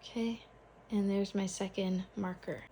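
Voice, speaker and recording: A young woman with a cold chats casually through a step-by-step knitting tutorial, thinking aloud as she counts stitches. Her mid-range voice is steady, dark and slightly congested, a little slow, with slight background noise.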